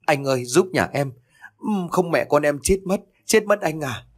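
A man's voice: mid-range voice, expressive, normal speed, voice pushed up, lightly acted. Man voicing a sobbing, desperate village mother. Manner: sobbing, pleading, breaking voice.

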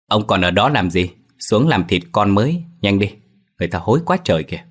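A man with a deep voice voicing a sharp-tongued middle-aged wife who nags her husband in quick bursts. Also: very animated, husky. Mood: nagging. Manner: shrill, nagging, hurried.

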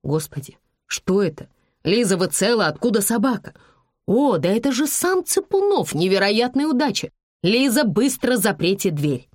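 A woman reading aloud and voicing a male lawyer boss who speaks in a brisk, commanding way. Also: medium pitch, big pitch swings, a little mellow, no room sound, clean studio sound. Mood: alarmed.

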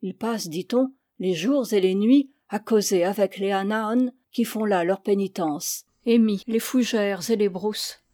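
A woman reading a story aloud in a measured, expressive way. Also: mid-range voice, no echo, studio quality. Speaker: reader. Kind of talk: audiobook narration.

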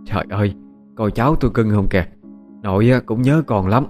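Male narrator as a soft, loving old grandmother. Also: lowish voice, brisk, soft background music, natural voice. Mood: tender.

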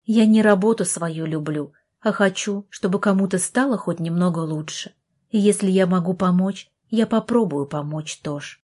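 A woman's voice: lowish voice, normal speed, darkish tone, lightly acted. A woman reading an audiobook, voicing a tired young therapist who coaxes her younger brother. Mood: weary. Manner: weary, coaxing.

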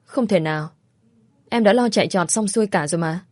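A woman's voice: mid-range voice, brisk, darkish tone, dry recording, studio quality, close to an everyday voice. A woman voicing a whiny, pleading young mistress.

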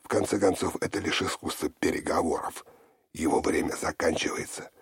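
A man's voice: extremely low pitch, steady tone, fairly quick, slightly rough, no room sound, studio quality, heavily acted. A man voicing a pushy, confident male investigator who talks in an insistent, lecturing way. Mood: self-assured. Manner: insistent, self-assured, lecturing.

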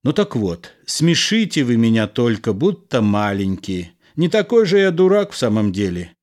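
A man reading a calm, wry husband. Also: mid-range voice, normal speed, natural voice. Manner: ironic, patient, lecturing. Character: calm, wry, reasoning middle-aged husband engineer. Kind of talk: audiobook character reading.

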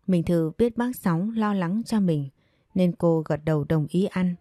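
A woman narrating a family drama story in a calm, steady storytelling manner. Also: lowish voice, a little slow, no echo, studio quality.

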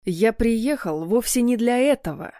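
A woman reading a story voices a calm, menacing young husband who speaks slowly and deliberately. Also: mid-range voice, clear, resonant tone, dry recording, studio quality, lightly acted. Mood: cold.

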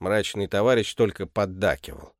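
A man narrating a classic story as an audiobook reader, expressive and unhurried. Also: fairly low pitch, no echo, studio quality. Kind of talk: literary narration.

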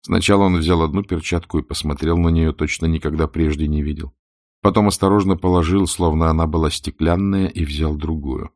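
A male audiobook narrator with a very deep voice and a strong gravelly rasp. He reads in a measured, expressive way, and the recording is dry and close. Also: no room sound.

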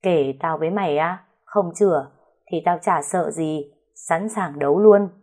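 A woman voicing a shrewd young wife who talks bluntly in a hushed, knowing way. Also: low voice, a little slow. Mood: conspiratorial. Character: shrewd young wife of the eldest son, scheming.

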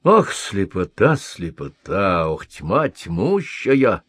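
A man's voice: on the low side, animated, takes it slowly, no room sound, clean studio sound, full character voice. A man voicing a stern old male sage who scolds and grumbles, in an audiobook reading. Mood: scolding.

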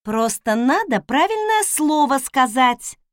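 A woman's voice: high-pitched, very animated, slow, no room sound, studio quality, voice pushed up, heavily acted. A woman voicing a bold young wizard's wife who speaks in a commanding, playful way.

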